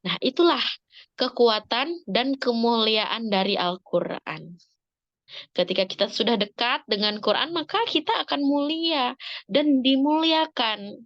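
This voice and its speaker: A woman speaking to parents in an Islamic study talk, lively and expressive, acting out examples with sudden rises in pitch. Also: a little slow, no room sound, lo-fi sound. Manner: lively, dramatic shifts in pitch, acts out examples.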